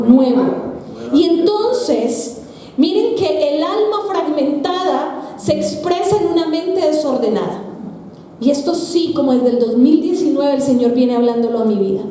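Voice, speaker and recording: A woman's voice: high voice, warm tone. A middle-aged woman pastor preaching a conversational sermon in church, asking the congregation questions as she goes. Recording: echoey church hall with long reverb.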